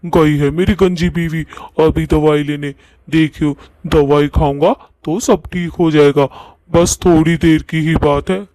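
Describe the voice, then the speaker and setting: A man's voice: on the high side, steady tone, measured pace, warm tone, no room sound, close to an everyday voice, rough recording. A man voicing a grumpy, bossy old blue ghost husband in a cartoon. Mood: defensive. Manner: bossy, scolding, defensive. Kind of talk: cartoon voice acting.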